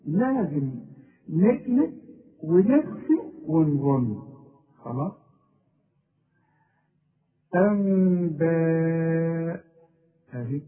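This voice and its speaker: A man with an Egyptian accent teaching tajweed, slowly stretching out recited example words and quizzing the listener. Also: a little high, sing-song. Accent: Egyptian Arabic. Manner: repeats drawn-out example words, asks the listener questions. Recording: tinny phone-like audio.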